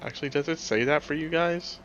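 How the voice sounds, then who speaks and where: A man's voice: fairly high pitch, brisk, a bit bright, highs cut off, a little hiss or hum. A man running a tabletop game as game master, talking in a rambling, chatty way and laughing often.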